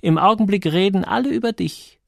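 A teasing, knowing woman from an audiobook, as a male reader puts her on. She speaks high and lightly, with an unhurried, curious way of talking. Her voice has some gravel in it, and the room around it is dry. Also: dry recording.

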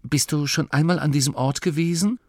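A man's voice: on the high side, a little fast, a little mellow, dry recording, clean studio sound, voice pushed up, natural voice. A man voicing a wary young male gnome hunter in an audiobook, calling out urgently. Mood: puzzled.

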